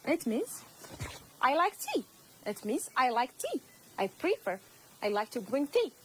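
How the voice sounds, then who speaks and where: Slow-speaking woman teacher with Ethiopian accent. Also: high-pitched, very animated, slight background noise, rough recording. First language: Amharic. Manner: slow, repeats words, addresses students. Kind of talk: classroom English lesson.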